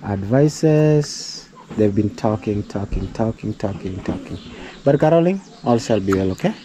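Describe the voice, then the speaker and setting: With a lowish, animated voice and an unhurried pace, a young Kenyan vlogger chats to camera outdoors at his rural home against a noisy background. He speaks Kenyan-accented English as a second language, calls his audience "guys," and sometimes slips into prayerful encouragement in a preachy way.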